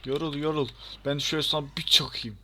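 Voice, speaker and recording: A young man giving chatty, excitable let's-play commentary and talking back to the game. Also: fairly high pitch, fast talker, slight background noise. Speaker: gaming channel host.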